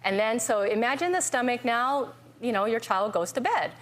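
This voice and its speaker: A woman's voice: a little high, animated, normal speed. A middle-aged woman, a children's ear, nose and throat doctor, earnestly explaining and demonstrating as a guest in a TV studio. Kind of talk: explaining on a talk show.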